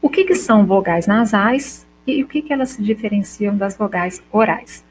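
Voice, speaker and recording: A woman teacher with a Brazilian accent explaining a lesson step by step, slowly sounding out example words and checking in with her students. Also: medium pitch, animated, slight background noise, low-quality recording. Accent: Brazilian Portuguese. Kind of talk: recorded school lesson.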